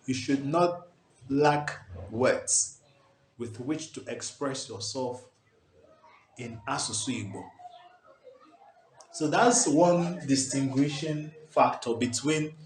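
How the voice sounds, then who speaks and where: This language teacher has a mid-range, darkish voice and stands at a whiteboard in a small indoor room, emphatic as he checks in with "okay?". The camera is close, but the room sounds echoey, with a faint hiss in the background.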